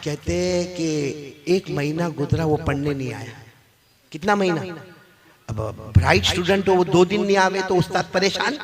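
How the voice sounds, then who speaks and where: A male preacher telling a story in a sermon, rising to shouted appeals and dropping to soft asides. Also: on the high side, normal speed. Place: gathering with a live audience. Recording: crowd audible behind.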